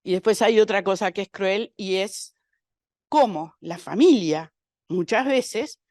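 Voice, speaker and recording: A woman's voice: medium pitch, a little slow, darkish tone. A woman with a Uruguayan accent giving a talk in a university lecture hall. She asks her audience rhetorical questions and acts out quoted dialogue. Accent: Uruguayan Spanish. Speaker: speaker on domestic violence. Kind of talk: lively public talk.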